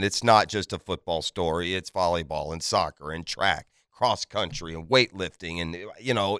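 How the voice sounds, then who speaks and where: A man works as a morning show host on sports radio, with a bright, clear voice. He talks in an earnest, conversational monologue aimed right at the listeners, leaning on his points. The sound is dry and close, as on a studio microphone. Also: fairly low pitch, no room sound. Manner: earnest, emphatic, addresses listeners directly.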